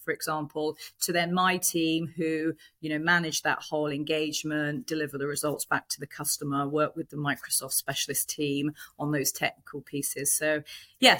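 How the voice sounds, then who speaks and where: A woman speaks as a podcast guest, explaining business matters in a conversational way. Her voice is low for a woman, with a bright, forceful edge. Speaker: podcast guest, department head at a tech company.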